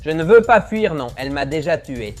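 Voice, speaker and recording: Joking, lively gaming youtuber. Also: male voice, fairly high pitch, normal speed, soft background music. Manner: joking, excitable, talking to the game character. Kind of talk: let's play commentary.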